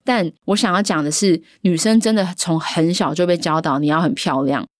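A woman in her thirties co-hosting a casual chat show, telling stories with animated mimicry of relatives. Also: fairly low pitch, a little fast, no echo, clean studio sound. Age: 30s. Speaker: podcast co-host.

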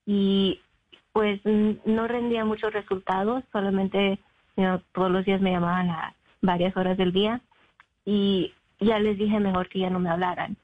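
A young adult woman from Mexico, a guest telling her own story in an interview. She talks haltingly, with many fillers and English words mixed in. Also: mid-range voice, little pitch movement. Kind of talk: personal account in an interview. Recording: phone line.

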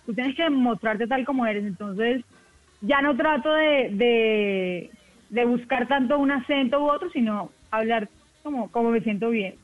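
A woman from the Colombian Caribbean coast with a softened coastal accent, a TV news presenter chatting quickly as a radio guest. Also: fairly high pitch, dry recording. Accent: Colombian coastal Spanish, softened. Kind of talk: casual radio chat. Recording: tinny phone line, dry.

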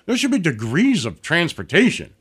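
A man's voice: fairly high pitch, moderate pace, breathy edge. A man telling a story in casual conversation, swearing freely and acting out the people he quotes. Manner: profane, animated storytelling with acted quotes. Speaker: podcast guest.

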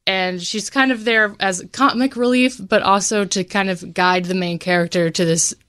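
A woman's voice: medium pitch, fairly even intonation, moderate pace, fairly bright tone, clean tone. A young woman, a stage actor, speaking as a guest in a casual radio interview, friendly and a little hesitant.

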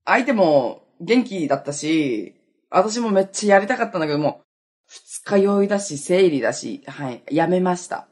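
A young woman from Okinawa hosts a relaxed solo chat show. Her voice has a slightly husky grain and swings widely in pitch. She rambles freely and keeps breaking into laughter at her own stories. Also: moderate pace. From Okinawa, Japan. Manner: chatty, laughs often, self-mocking. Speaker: podcast host.

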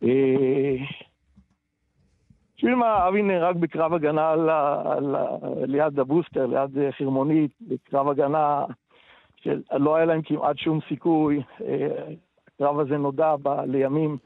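A man's voice: fairly high pitch, fairly even intonation, vocal fry, no room sound. Older man on a tinny phone line. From Israel, Tel Aviv. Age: 60s. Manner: halting, retells dialogue, many hesitations. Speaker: interview guest. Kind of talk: personal war recollection in a radio interview.

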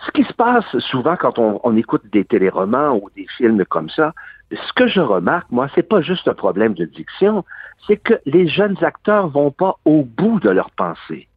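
Older man, Québécois accent, husky, animated, emphatic radio guest, thin phone-like sound. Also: fairly high pitch, normal speed, no echo. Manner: emphatic, lively, long-winded explanations. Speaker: guest actor. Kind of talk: radio interview.

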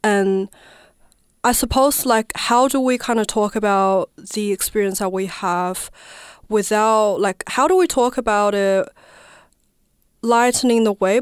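A woman's voice: medium pitch, measured pace, clean tone, no echo. A woman from southwest China, a guest artist in a radio studio interview, talking reflectively and hedging often with "I suppose" and "like".

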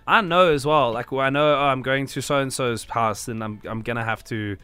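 A man's voice: mid-range voice, moderate pace, bright, forceful tone, smooth, dry recording. A man hosting a radio talk show, chatting and joking with callers and co-hosts. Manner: chatty, laughing, jokey.

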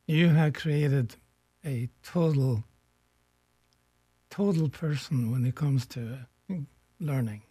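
An older man born in Norway, a retired economics professor, speaking as a radio guest in a reflective, searching way with pauses. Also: mid-range voice, mellow, slightly rough, dry recording, studio quality. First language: Norwegian. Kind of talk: radio conversation.

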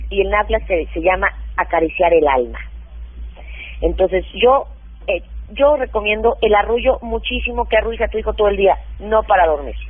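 A woman parenting expert giving practical advice in an animated, hands-on way during a radio interview, heard over a phone line. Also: mid-range voice, moderate pace, slightly rough, no room sound. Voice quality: practical, animated, acts out what mothers say.

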